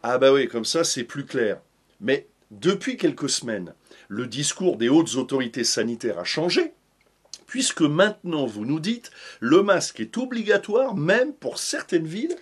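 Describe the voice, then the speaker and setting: A man's voice: a little high, big pitch swings, measured pace, slightly rough. A man hosting a comedic mock interview in a church video segment, mock-formal and ironic.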